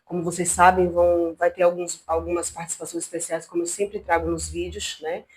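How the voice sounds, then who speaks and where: A woman from Brazil hosting a casual commentary vlog from her home, talking in an indignant, animated, chatty way. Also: fairly low pitch, a little fast, a little hiss or hum. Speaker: channel host. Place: at home, not a studio.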